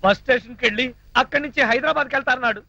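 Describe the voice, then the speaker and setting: A man's voice: extremely high pitch, racing, creaky, pushed and bright, no room sound, muffled recording, exaggerated voice. A man playing a panicky comic hero haunted by a doll, talking in frantic yelps in horror comedy film dialogue. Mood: panicked.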